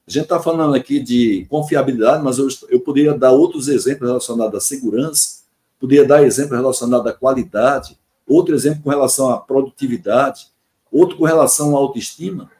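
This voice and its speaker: A 62-year-old Brazilian-accented engineering consultant, appearing as a podcast guest, gives a semi-formal explanatory answer about his consulting work. His mid-range, mellow voice moves a little fast, and he earnestly drives points home with repetition and lists.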